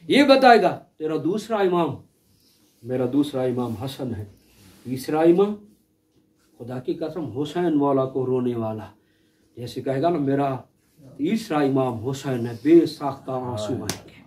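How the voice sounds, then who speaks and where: A man's voice: medium pitch, lively intonation, unhurried, a little mellow. A male cleric giving a mourning sermon, half-chanted, with a tearful, rising lament. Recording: distant mic with crowd noise.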